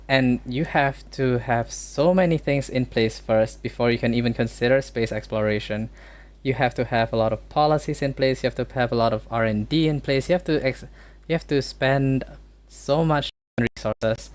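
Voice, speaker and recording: A man chats through a solo stream in a casual, argumentative way. He jokes, protests in disbelief and fires off quick exclamations. His voice sits at an everyday middle pitch.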